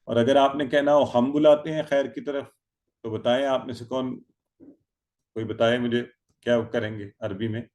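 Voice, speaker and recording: A male teacher runs an online grammar class, repeating each verb form in turn and asking students to say it back. His voice sits at an ordinary middle pitch, and he calls on learners one by one as he works through the drill on a video call. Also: steady tone, darkish tone. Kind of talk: online Arabic grammar lesson.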